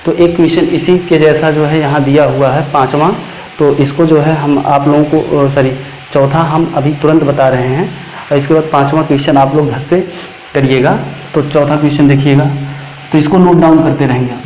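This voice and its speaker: Math teacher guy lecturing, keeps asking and answering his own questions, slightly high mellow voice, echoey room. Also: steady tone, slight background noise. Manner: rhetorical questions answered himself, dictating formulas slowly. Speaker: mathematics teacher. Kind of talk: classroom lecture explaining problems.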